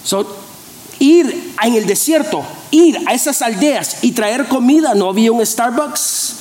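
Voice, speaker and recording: A man with a very high voice preaches a lively sermon, stumbling into restarts and repeated words as he goes. The room around him is echoey. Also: a little slow. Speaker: pastor.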